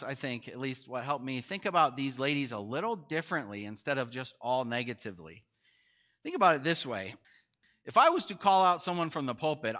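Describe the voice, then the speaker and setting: Male pastor, conversational sermon, rhetorical questions, bright voice, slightly high pitch. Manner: conversational, animated, asks the congregation questions.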